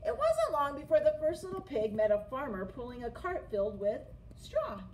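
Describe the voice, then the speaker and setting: Middle-aged woman, children's storyteller, high and very animated, camera audio with clear room noise. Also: normal speed. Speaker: storyteller, teacher. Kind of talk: expressive children's picture-book reading. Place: small classroom, indoors.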